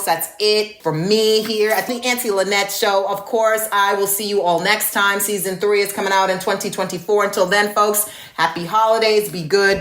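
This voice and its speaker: A woman's voice: medium pitch, fairly bright tone. A woman hosting a podcast interview, effusive and calling her listeners "folks". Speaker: podcast host.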